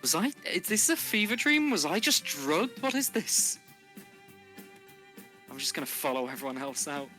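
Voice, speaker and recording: British tabletop player, sweary casual improv chat, bright voice, faint music. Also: medium pitch, sing-song, moderate pace, long pauses. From United Kingdom.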